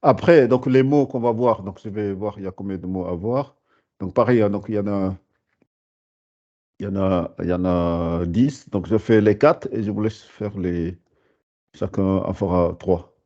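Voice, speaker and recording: A man's voice: fairly low pitch, moderate pace, darkish tone. A man teaching a beginners' Arabic class, patiently repeating sounds and words, with frequent fillers and restarts. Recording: dull lo-fi sound.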